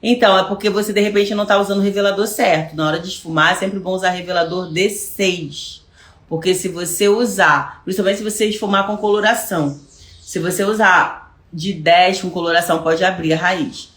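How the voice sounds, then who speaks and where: A woman's voice: fairly low pitch, fairly even intonation, a little fast. A woman with a Brazilian Portuguese accent, a hairstylist giving a chatty live online class and answering viewer questions, often repeating words as she searches for them. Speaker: hairstylist teaching hair lightening. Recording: echoey room.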